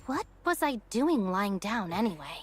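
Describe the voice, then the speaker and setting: A woman voicing a dutiful game officer who speaks brisk and matter-of-fact. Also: mid-range voice, sing-song, slight background noise. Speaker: game character. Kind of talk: game voice acting.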